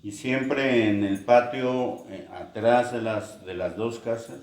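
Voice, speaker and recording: A man's voice: medium pitch, fairly even intonation, slow, darkish tone. A man preaching a sermon, telling stories and acting out quoted voices. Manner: storytelling with acted-out quotes. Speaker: pastor. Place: church. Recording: echoey church hall.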